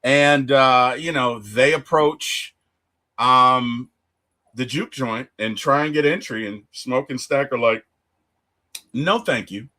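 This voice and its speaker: A man hosting a casual movie review chat, retelling the plot with animated storytelling and acting out the characters' lines. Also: mid-range voice, slow pace. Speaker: movie review podcast host.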